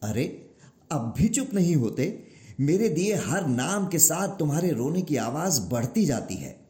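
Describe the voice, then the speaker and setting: A man's voice: on the high side, big pitch swings, unhurried, warm tone, echoey room. A man doing a weary, exasperated creator god. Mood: pleading. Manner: pleading, increasingly exasperated. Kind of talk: storybook narration.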